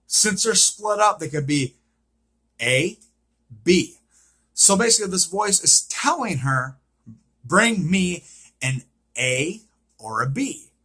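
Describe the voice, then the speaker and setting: Over a rough recording, a man recaps as a fan in a forceful, slightly high, husky voice, with lively intonation, a slow pace, and frequent pauses. He repeats himself emphatically and keeps throwing out rhetorical questions.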